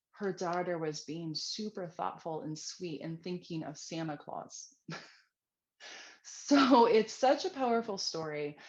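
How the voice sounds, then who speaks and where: Earnest woman parenting coach, low voice. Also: highs cut off. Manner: earnest, conversational, with frequent fillers and acted-out quotes. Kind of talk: direct-to-camera parenting tips.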